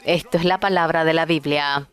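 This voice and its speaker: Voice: medium pitch, steady tone, normal speed, a bit bright, smooth. A preacher giving a sermon in an emphatic, repetitive way, drawing out key words.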